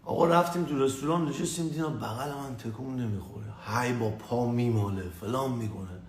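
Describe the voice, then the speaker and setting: A man from Tehran telling crude personal stories in a rambling, profane, animated way. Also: mid-range voice. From Tehran, Iran. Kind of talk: casual storytelling monologue. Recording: echoey room with faint ambient noise.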